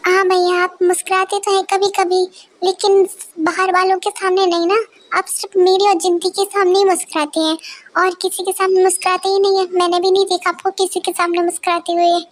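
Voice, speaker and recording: A woman's voice: extremely high pitch, little pitch movement, brisk. A woman voicing a fretful, complaining young woman caught between two people arguing, in a fan-dubbed romance audio story. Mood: teasing. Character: exasperated young woman, the brother's sister.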